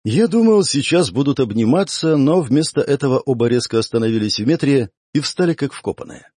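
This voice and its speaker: A man narrating a first-person audiobook in an expressive storytelling manner. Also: medium pitch, brisk, husky, no room sound, studio quality.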